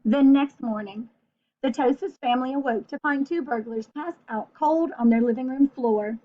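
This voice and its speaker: A woman's high voice, at a moderate pace, reads a children's picture book playfully, directing questions and asides to the young listeners. The recording is dull and lo-fi, with slight background noise.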